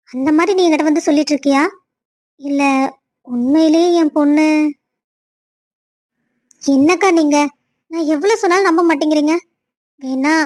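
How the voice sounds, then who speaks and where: A woman with a high, clear voice plays the women of a family cartoon story. She moves from a wife on the phone to a mother and a neighbour without much change in her voice. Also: a little mellow.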